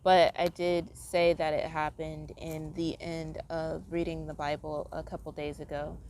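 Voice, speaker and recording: A woman's voice: low voice, little pitch movement, a little slow, a little mellow, slight background noise. A tired woman chatting casually to camera in a meandering way, filling her talk with "like". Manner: meandering, heavy use of "like" fillers. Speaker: vlogger. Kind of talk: casual rambling monologue.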